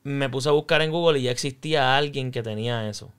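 A young man with a Puerto Rican accent tells his life story as an interview guest. His voice is smooth and clear, at an ordinary pitch. He talks casually and mixes English words into his Spanish. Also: fast talker, fairly bright tone. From Puerto Rico.

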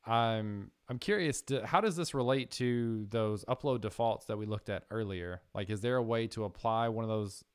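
Excitable man live-coding with a guest. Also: fairly low pitch, moderate pace, hardly any pauses, clear, resonant tone, dry recording, studio quality. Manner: enthusiastic, thinks aloud with fillers. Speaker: host of a coding live stream. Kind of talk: casual live-coding chat.

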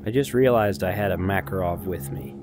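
A man's voice: deep voice, a little fast, over music. A man giving casual, rambling gameplay commentary as a video host, chatty, informal and self-deprecating.

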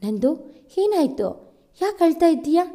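A woman voicing a gentle, loving young husband who speaks tenderly and reassuringly in a storytelling recording. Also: sits high, sing-song, a little slow. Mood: anxious.

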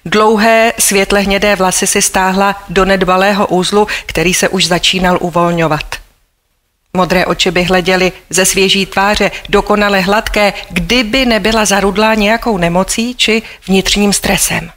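A woman narrates an audiobook in a measured, even way. Her voice sits at a mid pitch and keeps a steady storytelling pace.

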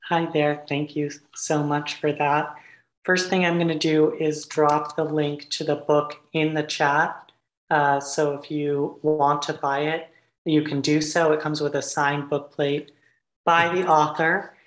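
Low-voiced woman moderator, flat delivery, roomy call audio. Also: a little slow. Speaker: bookstore event host. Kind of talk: event moderation.

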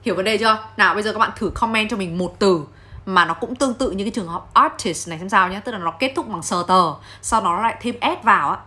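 Woman teacher, bright voice, playful and chatty with viewers. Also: medium pitch, quick pace. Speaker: English pronunciation teacher. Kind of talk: casual video lesson.

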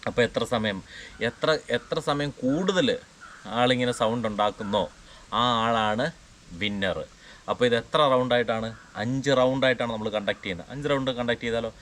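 A man's voice: mid-range voice, fairly bright tone, slight background noise. A man hosting a family vlog. He explains the rules of a game and teases the other player in a playful, casual way. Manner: playful, teasing, quick rule-explaining. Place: outdoors in the sun.

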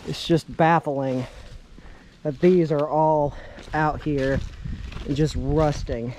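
A man in his thirties, hosting a casual vlog, wanders woods around an abandoned railway with a handheld camera, narrating in an awestruck, exclaiming way. His voice is a little high and darkish, slow and fairly even in intonation, with a little hiss or hum.

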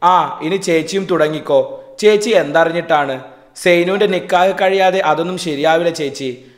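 A man's voice: on the high side, moderate pace, natural voice. A man voicing a cheerful, easygoing young male auto-rickshaw driver in a read-aloud story, in an echoey room. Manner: plain, affectionate storyteller reading.

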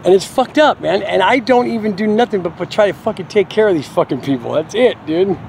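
A man's voice: high-pitched, expressive, fairly quick, gravelly, background noise. A middle-aged man venting in a rambling, profane monologue to camera, swearing constantly and laughing now and then. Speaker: vlogger.

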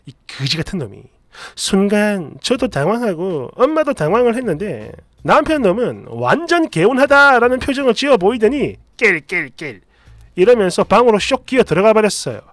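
High-voiced, indignant male storyteller. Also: very animated, moderate pace, a bit bright, no echo, clean studio sound. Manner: emotive, indignant, acts out the quotes. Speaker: storyteller narrator. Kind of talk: dramatized reading of online posts and comments.

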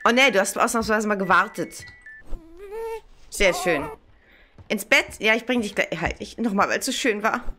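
A woman's voice: medium pitch, expressive, moderate pace, long pauses, bright, forceful tone, soft background music. Chatty German woman scolding a game baby. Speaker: let's play gamer. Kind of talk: casual horror game commentary.

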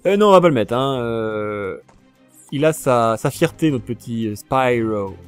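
Animated man commenting a game. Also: medium pitch, unhurried, clean tone, soft background music. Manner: animated, jokey, shouts during fights. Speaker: let's play gamer. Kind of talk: casual gameplay commentary.

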